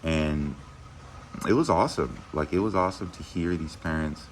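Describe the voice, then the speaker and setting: A man's voice: very deep voice, normal speed, a little hiss or hum. A middle-aged man and school administrator talking earnestly and casually to teachers in a video message, with many "you know" fillers.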